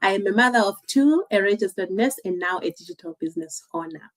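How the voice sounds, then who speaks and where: A woman's voice: mid-range voice, animated, quick pace, poor audio. A woman, speaking as a guest on a livestream in a conversational, earnest way. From Zimbabwe. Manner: conversational, earnest, many "like" and "um" fillers. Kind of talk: casual livestream talk.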